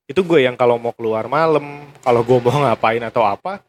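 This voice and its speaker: A young man co-hosting a casual chat, telling animated stories and laughing often. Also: mid-range voice, a little fast, slight background noise. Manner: animated storyteller, laughs a lot. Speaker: podcast co-host.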